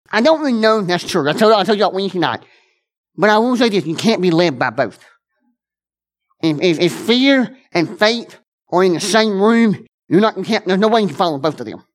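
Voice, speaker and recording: In a conversational sermon at church, a pastor with a high male voice speaks earnestly, repeating and restarting phrases. He moves quickly through asides and slows down on the key lines.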